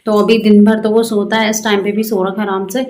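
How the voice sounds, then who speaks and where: A woman's voice: mid-range voice, little pitch movement, a little fast, a little mellow. A young woman from Garhwal in the hills of northern India, chatting through a home vlog with lots of fillers. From Garhwal, Uttarakhand. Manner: chatty, rambling, many fillers. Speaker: vlogger. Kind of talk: casual vlog narration. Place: home kitchen.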